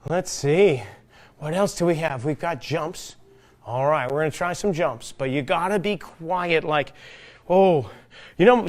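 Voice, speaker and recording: A man with a notably high voice runs a kids' exercise class. He talks them through each move while doing it himself, cheering them on and asking friendly questions. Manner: encouraging, asks the kids playful questions; demonstrates while moving, narrating his own steps. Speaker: fitness trainer leading a kids' P.E. class. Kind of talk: guided children's exercise class.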